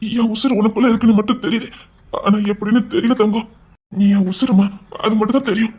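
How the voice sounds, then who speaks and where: In a Tamil audio drama, a man with a high-pitched, darkish, slightly rough voice talks fast in a steady tone. He plays a fond, protective father troubled by headaches and lost memories, sounding tender and strained.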